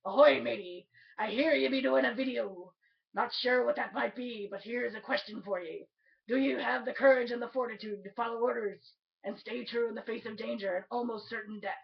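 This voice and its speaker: A woman putting on the voice of a loud, swaggering male pirate captain in hearty pirate speak, recorded on a dull, lo-fi webcam mic. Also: on the high side, brisk, gravelly, far from the mic, voice pushed up. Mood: boisterous.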